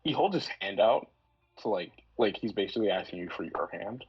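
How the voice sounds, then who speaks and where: Casting note: man, low husky voice, laid-back game master with lots of fillers, dull lo-fi sound. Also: expressive, faint music behind. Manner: casual, filler-heavy narration with quick character voices. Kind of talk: narrating a tabletop role-play game.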